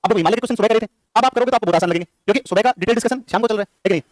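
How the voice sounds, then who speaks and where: A male teacher lectures a class at a very fast clip, his voice pitched high. He keeps firing the same questions back at the students. The sound is close and dry. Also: no room sound. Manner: rapid, repetitive quizzing of students. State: short on sleep.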